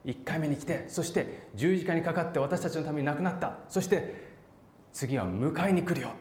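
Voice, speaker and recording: A man preaching a sermon, animated, acting out voices and calling out for emphasis. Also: a little high, normal speed. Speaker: pastor. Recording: echoey hall.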